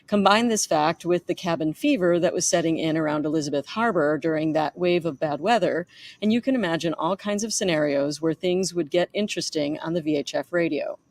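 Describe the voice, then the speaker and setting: Woman, author reading her own memoir; fairly low voice, chatty delivery with offhand asides and quick self-corrections. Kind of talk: reading a memoir chapter aloud.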